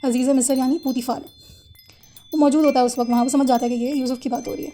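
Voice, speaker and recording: A woman's voice: high-pitched, fairly even intonation, mellow. A woman casually narrating a religious story, retelling each scene in simple conversational words with the odd filler and self-correction.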